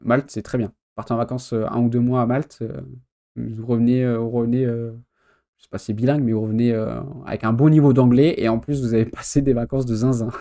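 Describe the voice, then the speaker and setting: Mellow-voiced man musing casually. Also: mid-range voice, flat delivery, fast talker. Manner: hesitant thinking aloud, many fillers. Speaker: streamer reacting to a video. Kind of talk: casual chat.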